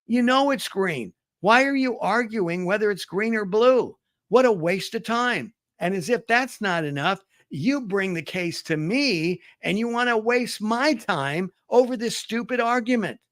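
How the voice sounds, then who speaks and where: A man's voice: high-pitched, expressive, measured pace, a bit bright, no room sound, clean studio sound, voice pushed up. A man voicing a stern male lion acting as judge in a spoken fable, lecturing and scolding.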